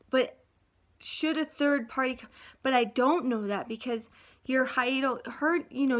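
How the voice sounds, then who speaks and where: A woman with a high voice talks straight to her viewers in a rambling, heartfelt monologue. She drifts between earnest pleading and a soft hush, speaking from a half-unpacked house. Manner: rambling and emotional, sometimes dropping to a soft hush.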